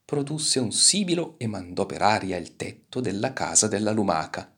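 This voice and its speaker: A man reading a children's storybook aloud with animated, expressive delivery. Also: on the low side, moderate pace, breathy edge. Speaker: narrator.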